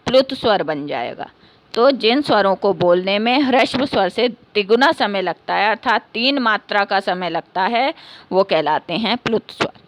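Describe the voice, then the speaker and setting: A woman's voice: medium pitch, animated, moderate pace. A woman, a teacher explaining a lesson patiently, repeating key points and answering her own questions. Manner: ends points with a checking "okay". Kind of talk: classroom lesson.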